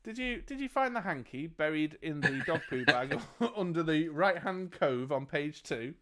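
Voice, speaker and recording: A man's voice: a little high, expressive, moderate pace, noisy background. A man reading a fantasy gamebook aloud as game master, laughing and joking between passages. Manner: laughs often, jokes between read passages.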